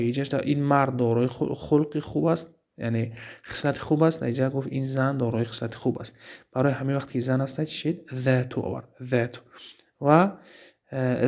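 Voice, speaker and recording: Gravelly Tajik man teaching grammar. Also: mid-range voice, warm tone. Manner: asks questions and answers them himself, repeats key terms slowly. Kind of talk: recorded lesson explaining Arabic grammar.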